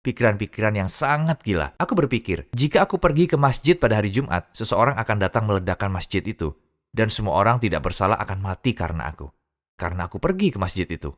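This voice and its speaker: A man's voice: fairly low pitch, expressive, fast. A man earnestly telling his own conversion story in a dubbed first-person testimony.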